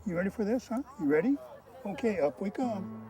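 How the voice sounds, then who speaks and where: A man adopting a dog, talking to it slowly in a coaxing, folksy way. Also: high voice, lively intonation, low-quality recording.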